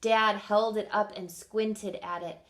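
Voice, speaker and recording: A woman's medium-pitched voice carries an expressive storybook reading aimed at young kids. As teacher and host, she frequently stops to ask her listeners things.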